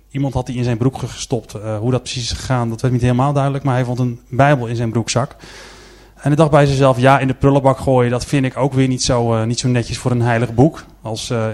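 Walking an audience through a set of pictures, a man tells his stories earnestly at a church-style slide presentation. He speaks in a mid-range, slightly mellow voice and frequently slips in filler sounds.

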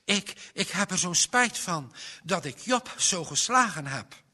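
A man voicing a remorseful, gentle little boy who pleads in a high, tearful voice. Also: big pitch swings, slow, gravelly, breathy edge, full character voice. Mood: tearful pleading. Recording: long reverb.

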